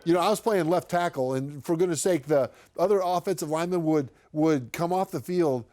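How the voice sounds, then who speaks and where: A man, a former player working as a studio analyst, telling a measured story from his playing days. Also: on the high side, darkish tone. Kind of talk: studio sports talk.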